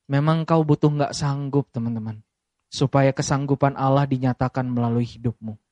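A man preaching a sermon to a congregation, telling stories with lively acted-out scenes. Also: normal speed, no room sound, dull audio. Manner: animated storytelling, acts out scenes with sudden high bursts.

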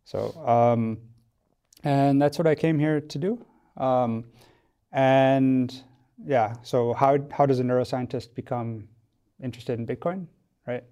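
A mid-range, mellow, smooth voice belongs to a podcast guest, an American tech company founder from Wisconsin, chatting casually in a studio interview. He keeps a steady tone at a slow pace, pausing often as he explains things thoughtfully and hesitantly.

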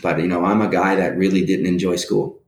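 A man's voice: low voice, steady tone, fairly quick, echoey room, a little hiss or hum. A man in his forties, a guest in a casual interview, telling his life story with many restarts and hesitations. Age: 40s.

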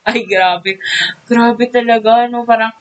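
A young Filipino woman co-hosting a podcast, chatting excitedly and gushing, mixing English into her talk. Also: a little high, slow, highs cut off. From Philippines. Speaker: podcast co-host. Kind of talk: casual chat.

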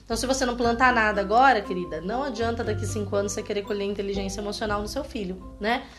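A woman's voice: mid-range voice, fairly even intonation, rapid-fire, over music. A woman with a Brazilian accent giving a casual, playful parenting lesson, often ending with tag questions. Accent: Brazilian Portuguese. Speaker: parenting educator. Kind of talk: casual teaching talk.

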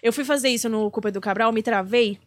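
A woman comedian talks in a rapid, chatty stream and drops swear words freely. Her voice sits fairly high, and the recording is dry and close, with no room sound. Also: no room sound. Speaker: guest comedian. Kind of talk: casual podcast chat.

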